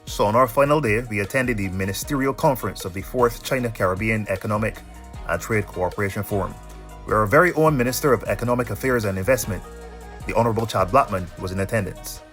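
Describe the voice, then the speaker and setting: A Bajan-accented man in his thirties from Barbados hosts a travel vlog, chatting about his trips in a relaxed, colloquial way through casual narration and interview answers. His voice is fairly low and a little bright, and he talks fast over soft background music.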